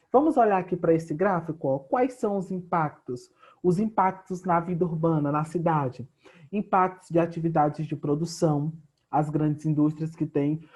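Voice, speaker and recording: Fairly high-pitched and mellow, this man's voice carries a Brazilian Portuguese accent. He's giving a recorded geography lesson from home, coughing frequently from a sore throat while patiently explaining the material and addressing his students directly.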